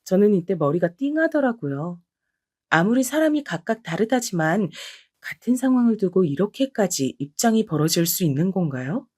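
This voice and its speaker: A middle-aged woman telling her own family story as a dramatized narration. Her mid-pitched voice moves expressively up and down. She sounds wronged and indignant throughout. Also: very animated, normal speed, mellow, no echo, studio quality. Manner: indignant, aggrieved.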